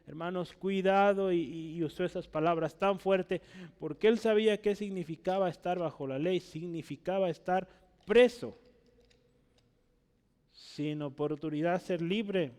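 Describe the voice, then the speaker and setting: A man's voice: high-pitched, measured pace, a little mellow. A man preaching a teaching sermon, checking in with "¿verdad?" and climbing to emphatic peaks on key words. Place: church hall. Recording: long hall reverb.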